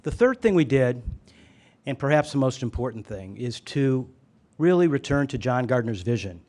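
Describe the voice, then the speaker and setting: A man addressing a conference on behalf of the board, at an ordinary pitch. He talks hesitantly, dropping "uh" between phrases. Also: sing-song, moderate pace, a little mellow. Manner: hesitant, many "uh" fillers. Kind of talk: prepared speech at a podium.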